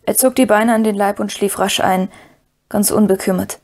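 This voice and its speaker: A woman narrating a fantasy audiobook in a steady, even storytelling manner. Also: mid-range voice, moderate pace. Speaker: audiobook reader. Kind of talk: scripted narration.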